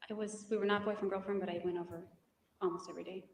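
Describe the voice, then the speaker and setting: A woman testifying in court, giving soft-spoken, hesitant, mumbled answers under cross-examination. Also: medium pitch, flat delivery, very fast. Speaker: defendant testifying as witness. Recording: distant echoey courtroom audio with faint hiss.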